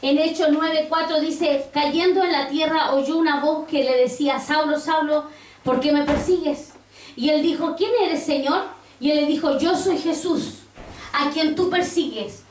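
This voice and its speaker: High-voiced woman preaching in a roomy church. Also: steady tone, a little slow, slight background noise. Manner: preaching, quoting scripture, asking the congregation. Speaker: pastor. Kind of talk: sermon. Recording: roomy church sound from a distance.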